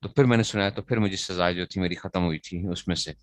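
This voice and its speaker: A man with a fairly low voice lectures students in a class. He asks questions and answers them himself, repeats his key points, and recites conjugations in a slow chant. The sound is dry and close, with little room echo. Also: fairly even intonation. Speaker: teacher of grammar to students.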